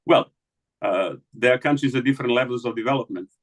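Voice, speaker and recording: A man's voice: mid-range voice, quick pace. A man from the Balkans, an interviewed scholar, speaking hesitantly in an academic conversation with many fillers and restarts.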